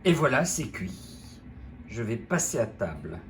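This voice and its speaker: A man's voice: medium pitch, sing-song, a little slow, a bit bright, a little hiss or hum. A man narrating a casual video diary from his home, speaking in a chatty, matter-of-fact way. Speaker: vlogger. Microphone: iPhone.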